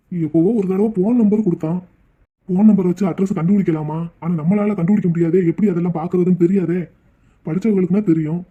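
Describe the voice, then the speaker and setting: A man's voice: high-pitched, phone-quality sound. A man voicing a meek, fretful tea shop owner in a cartoon, talking in a pleading way. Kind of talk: cartoon voice acting.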